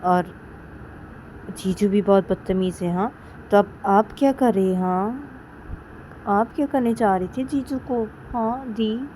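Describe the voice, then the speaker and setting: A woman's voice: medium pitch, slow pace, long pauses, dark tone, a little hiss or hum, close to an everyday voice. Fields: woman doing teasing younger sister, nagging questions. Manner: teasing, prodding with repeated questions.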